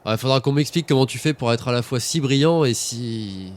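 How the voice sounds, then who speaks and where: Man player, mid-pitched voice, incredulous and teasing. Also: brisk. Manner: incredulous and mocking. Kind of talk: in-character tabletop play.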